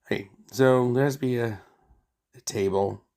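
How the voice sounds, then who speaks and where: A man's voice: medium pitch, moderate pace, gravelly, warm tone. A man with a stuffy nose from a cold, casually narrating a craft tutorial in a hesitant, self-correcting, apologetic way. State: sick with a cold or sinus infection, stuffy nose. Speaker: art tutorial host.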